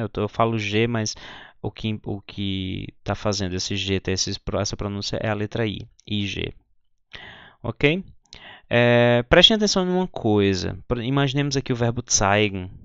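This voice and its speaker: A man teaching German pronunciation, patiently spelling out syllables and saying example words slowly. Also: on the low side, clean tone, dry recording, lo-fi sound. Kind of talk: explaining pronunciation lesson.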